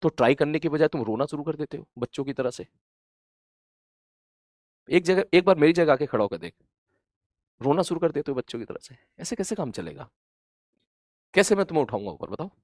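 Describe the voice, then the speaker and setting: Male coaching teacher, motivational lecture, earnest and gently scolding, repeats for emphasis, grows loud when urging, dry close sound. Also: fairly high pitch, lively intonation, a little fast, pauses often, dry recording. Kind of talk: motivational talk to students.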